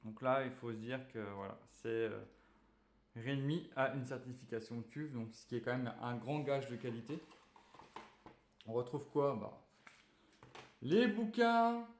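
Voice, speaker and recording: A man's voice: medium pitch, normal speed. A man casually chatting while unboxing a phone, hesitant and full of fillers. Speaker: tech reviewer unboxing a phone. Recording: echoey room.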